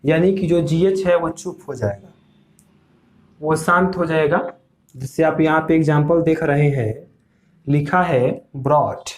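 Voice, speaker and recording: A male teacher explains slowly and patiently, going over each point again and again. He keeps asking his students questions, and his voice sits a little high for a man. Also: a little mellow. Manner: slow, repetitive explaining with quiz questions to students. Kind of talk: classroom lesson.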